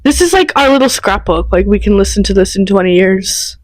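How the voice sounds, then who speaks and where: A woman's voice: mid-range voice, lively intonation, a little fast, no room sound, poor audio. A nineteen-year-old woman co-hosting a podcast, casual and offhand with a dry sense of humor. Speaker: podcast co-host. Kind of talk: casual chat.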